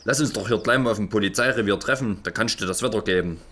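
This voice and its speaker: A bumbling police inspector. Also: male voice, fairly low pitch, fast, a bit bright. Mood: flustered. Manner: flustered, fussy, absent-minded. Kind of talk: children's audio play.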